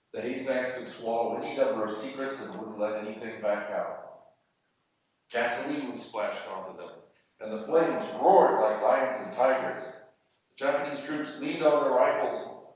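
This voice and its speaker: A man reads fiction aloud at a literary event, measured and deliberate, pausing between phrases. His voice sits at an ordinary middle pitch. It comes from far off the mic, dulled and muffled, in a strongly echoing university hall.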